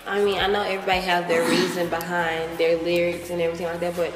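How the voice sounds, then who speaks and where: A young woman hosts an interview in a slightly low voice, asking questions casually and warmly with fillers. The room is echoey with a long reverb. Faint music plays in the background. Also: fast talker. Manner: friendly and relaxed, asks questions with fillers. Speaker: interview host. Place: lounge with large windows, indoors.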